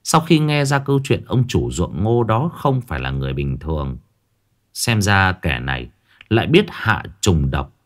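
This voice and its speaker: A man narrating a ghost story in an expressive, dramatic storytelling manner. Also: low-pitched, moderate pace. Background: faint background music.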